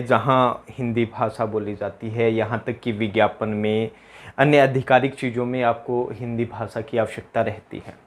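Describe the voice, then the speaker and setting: Male tutor, young, mid-pitched voice, chatty and repetitive, drilling words for exams. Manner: chatty, repeats key words, drops into local dialect jokes. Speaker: teacher. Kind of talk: exam-prep lesson, casual explaining.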